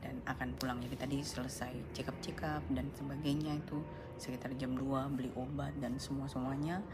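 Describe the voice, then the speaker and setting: A woman's voice: a bass voice, flat delivery, quick pace. A woman in her forties vlogging casually from a hospital, chatting and slipping into broken English. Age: 40s. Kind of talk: casual vlog chat. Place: hospital lobby and clinic rooms. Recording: echoey room, distant mic, loud background noise.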